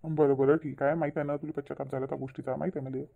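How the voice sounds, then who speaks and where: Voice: medium pitch, level tone, racing, vocal fry, narrow, tinny audio, lightly acted. A voice actor playing a kind, trusting husband in a cartoon, soothing and reassuring his wife. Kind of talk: cartoon voice acting.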